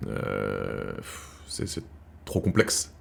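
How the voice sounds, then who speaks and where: A man's voice: rumbling low, very animated, very slow, creaky. A man hosting a live chat show from France, talking casually and slangily to his viewers, calling them brothers and restarting his sentences as he rambles.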